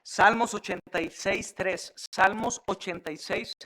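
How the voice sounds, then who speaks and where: A man preaching a sermon, calling the congregation brothers and building to loud, fervent exhortation. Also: sits high, a little slow, poor audio. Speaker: pastor.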